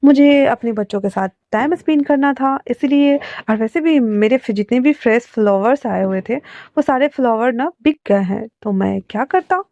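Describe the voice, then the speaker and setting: Chatty teasing young guy, woman reading him, mellow tone, dull lo-fi sound. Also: a little high, lively intonation, moderate pace, hardly any pauses, no room sound. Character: cheerful chatty young man, a florist. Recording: dull lo-fi recording.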